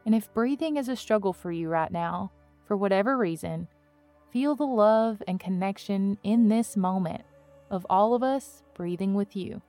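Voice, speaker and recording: With soft music playing underneath, a woman hosting a podcast leads a guided meditation at a calm, slow pace. She speaks at a medium pitch, soothingly and gently, pausing between each phrase.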